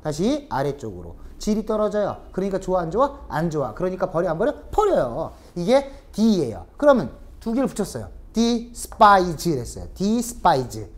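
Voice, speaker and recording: Lecturer, female: lively online vocabulary teacher, lower voice that swings widely in pitch, keeps asking the class questions. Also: moderate pace, hardly any pauses. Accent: Korean. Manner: lively, animated teaching with rhetorical questions and repetition.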